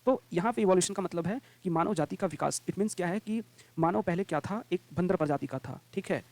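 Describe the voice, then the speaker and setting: Male vocabulary tutor, quick delivery, explaining eagerly. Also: sits high, no echo. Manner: repeats "ठीक है" and "right" as check-ins, quick and energetic; reads English definitions slowly and deliberately. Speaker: English vocabulary teacher. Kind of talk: explanatory classroom lesson.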